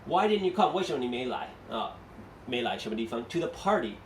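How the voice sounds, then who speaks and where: A man's voice: medium pitch, expressive, fast, a little hiss or hum. A man teaching an English class, explaining step by step and asking students questions, switching between English and Mandarin. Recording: echoey room, mic far off.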